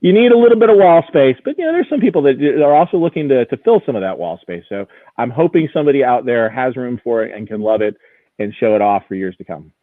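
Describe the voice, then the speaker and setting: An auction house executive previews lots in informal, live commentary, speaking fast and animatedly in a mid-range male voice. The line sounds phone-like, with no room sound.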